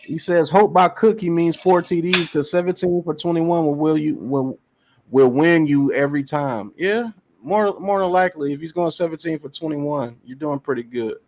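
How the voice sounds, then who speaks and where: Slight background noise accompanies a man with a somewhat high voice and moderate pace. He hosts a casual sports podcast, reads out comments from the chat and argues emphatically, animated and repetitive in his phrasing.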